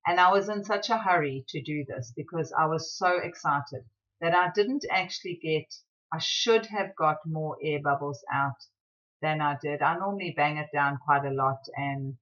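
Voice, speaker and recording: A woman from South Africa talking through a craft tutorial as a rambling, excitable voiceover. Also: low voice, normal speed, dull audio.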